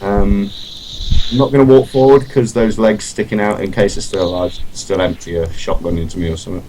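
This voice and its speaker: A man's voice: lowish voice, fairly even intonation, a little fast, dark tone. A man playing a tabletop game, joking around with the group and given to indignant outbursts. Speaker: player. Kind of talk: casual tabletop chat. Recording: noisy stream recording.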